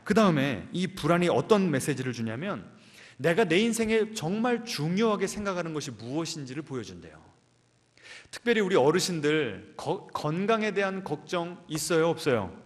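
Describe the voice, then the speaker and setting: Lively Korean pastor preaching in a reverberant hall. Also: male voice, a little high, normal speed. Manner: asks the congregation questions and answers them; acts out inner voices in quotes. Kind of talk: sermon. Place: church sanctuary.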